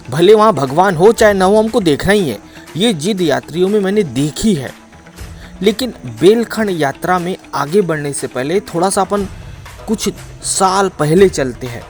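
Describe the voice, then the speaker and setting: Man narrating a travel film over music. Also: fairly high pitch. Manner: dramatic, chatty storytelling.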